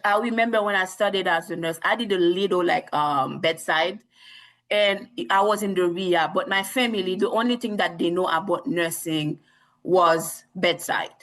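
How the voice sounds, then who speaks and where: A woman's voice: on the low side, normal speed, poor audio. A woman from Haiti, a nurse practitioner, speaking earnestly as a podcast guest with many restarts. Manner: earnest, repeats herself, frequent restarts. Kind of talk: interview conversation.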